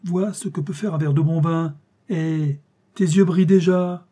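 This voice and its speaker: A man reading aloud who voices a cruel, boisterous tyrant king with loud, mocking commands. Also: a little high, moderate pace, husky. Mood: jovial mocking.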